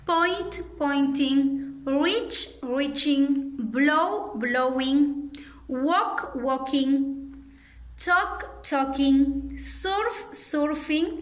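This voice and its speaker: High-voiced teacher lady, super slow, drilling english verbs. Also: reverberant, low-quality recording. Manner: drills word pairs, checks in with frequent "ok?". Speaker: primary school English teacher. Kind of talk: slow bilingual grammar lesson, spelling words aloud.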